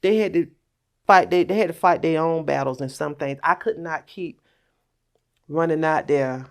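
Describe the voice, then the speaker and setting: A middle-aged woman telling a personal story on a podcast, animated, acting out quoted voices. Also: deep voice, normal speed, clear, resonant tone. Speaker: podcast guest. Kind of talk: casual storytelling.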